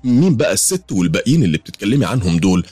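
A man's voice: on the low side, big pitch swings, racing, dark tone, breathy edge, no room sound, faint music behind, pitched above the performer's own voice. A man with an Egyptian accent voicing a wary, skeptical young mother in her late twenties who questions a stranger.

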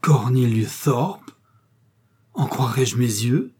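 A man's voice: medium pitch, expressive, moderate pace, dark tone, a little hiss or hum, lightly acted. A man reading the part of a proud young baronet with a stiff, indignant manner. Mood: shocked. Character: young male baronet, proud and easily vexed.

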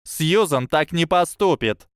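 A man's voice: on the high side, normal speed, clean tone, dry recording, clean studio sound, pitched above the performer's own voice, close to an everyday voice. Man playing an indignant schoolgirl witch.

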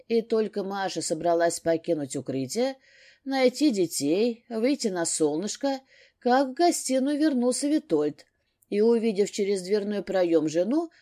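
A woman narrating a novel in a steady storytelling manner. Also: mid-range voice. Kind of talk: audiobook narration.

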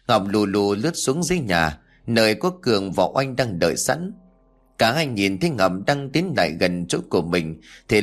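Male storyteller, low voice, even and measured, horror audiobook.

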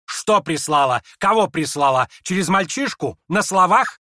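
A man voicing a hot-tempered, proud older noblewoman who scolds in shrill, impetuous outbursts in a dramatized audiobook reading. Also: expressive, moderate pace, a bit bright, no room sound, studio quality. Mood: furious.

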